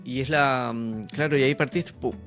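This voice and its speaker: A man hosting an interview, asking relaxed questions and affirming his guest. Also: mid-range voice, moderate pace, faint music behind. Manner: relaxed, affirming with short replies. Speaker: podcast host. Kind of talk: conversational interview.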